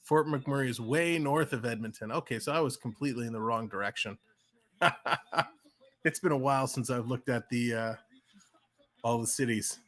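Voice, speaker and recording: Speaking at normal speed with long pauses, this man has a mid-range, fairly bright voice. He's a Toronto-area livestreamer with a Canadian accent, doing casual play-by-play while chatting with viewers, reading chat aloud and laughing easily.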